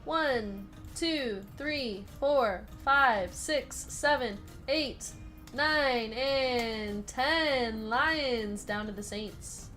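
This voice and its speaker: A woman with a high, bright-sounding voice hosts a live sports card break. She talks in a casual, upbeat way, rattling off names and teams in quick lists and chatting back to viewers' comments, with soft music playing faintly behind her. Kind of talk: casual live-stream chat while opening card packs.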